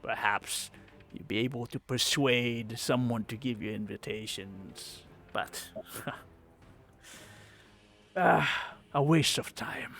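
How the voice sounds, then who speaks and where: Man putting on a gravelly, sly hobgoblin mercenary. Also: medium pitch, fairly bright tone, faint music behind. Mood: haughty. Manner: haughty, mocking, drawn-out taunts. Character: sly, boastful, sneering hobgoblin mercenary, male.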